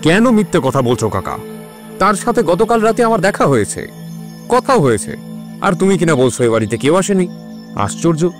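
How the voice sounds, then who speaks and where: A restless, quick-tempered young husband, played by a young man in an audio story. He talks insistently, slightly high for a man, with a lively, swinging pitch. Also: faint music behind. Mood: angry. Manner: insistent, rising to anger. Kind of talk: audio drama acting.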